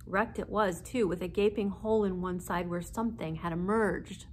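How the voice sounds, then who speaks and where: This library story reader, a woman in her forties, sits in a small indoor room reading a children's book aloud a short distance from the camera. Her lowish voice is a little mellow, with fairly even intonation and normal speed, over faint background noise.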